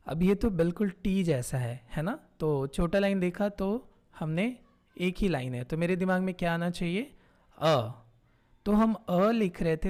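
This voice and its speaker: A woman with a lowish, somewhat dark voice teaches a tutorial lesson in a blend of Hindi and English. As a language teacher, she stays patient and keeps checking on her learners, often asking "ठीक है?".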